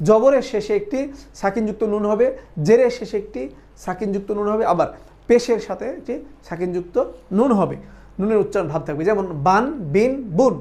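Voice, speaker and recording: Here a Quran recitation teacher talks briskly in a dark, medium-pitched voice during an online lesson. Step-by-step explanations come with patience, alongside self-answered questions and points repeated for drilling.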